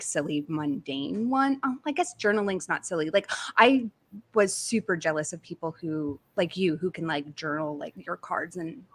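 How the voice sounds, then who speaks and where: A Canadian woman with a Canadian accent, talking in a rambling casual chat full of "like" and quick laughs, as co-host. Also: fairly low pitch. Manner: rambling, heavy use of "like", frequent laughs.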